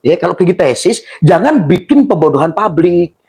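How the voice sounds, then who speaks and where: A man with a Javanese accent, a religious tolerance activist making an impassioned appeal, pleading and often shouting. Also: high-pitched, sing-song, moderate pace. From Java, Indonesia. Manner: pleading, frequently shouting, emotional.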